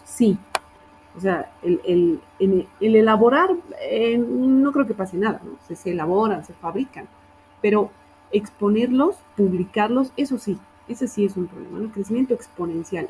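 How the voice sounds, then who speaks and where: A woman's voice: mid-range voice, mellow, slight background noise, poor audio. A woman teacher reviewing student assignments, correcting wording and often checking in with her class.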